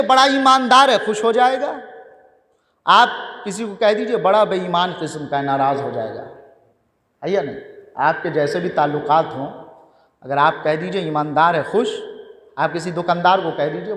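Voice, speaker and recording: A man with a high, bright voice preaches a sermon, driving home repeated phrases in a call-and-response rhythm. He speaks in a mosque hall. The sound rings with a long, roomy reverb. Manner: repetitive call-and-response preaching, climbing to shouts. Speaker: preacher at a mourning gathering.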